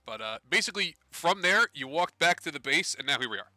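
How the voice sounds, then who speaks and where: A man's voice: a little high, lively intonation, brisk, bright, forceful tone, no echo, clean studio sound, faint music behind. A man narrating as game master of a tabletop game on a live stream, talking loosely with restarts and frequent laughs. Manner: loose, chatty, laughs often, restarts phrases.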